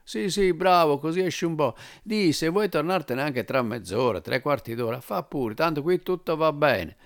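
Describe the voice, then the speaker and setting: A man's voice: fairly high pitch, lively intonation, moderate pace, vocal fry, voice pushed up. A man doing a breezy army major. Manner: breezy, offhand reassurance. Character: easygoing middle-aged male army major. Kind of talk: audiobook reading.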